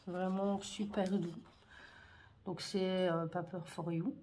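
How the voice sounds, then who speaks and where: Lady rambling thru a scrapbook haul, lots of euh, kinda low voice, a bit of room noise. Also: level tone, slow, dark tone. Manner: hesitant, many fillers, gushing over cute items. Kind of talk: casual show-and-tell chat.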